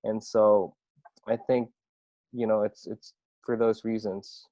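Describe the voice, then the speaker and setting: A man's voice: on the low side, level tone, takes it slowly, mellow, dry recording. Rambling young man, dull lo-fi sound. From Iowa, USA. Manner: loose and rambling, many fillers like "I mean" and "right?". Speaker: podcast guest, marketing agency owner. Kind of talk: casual interview talk.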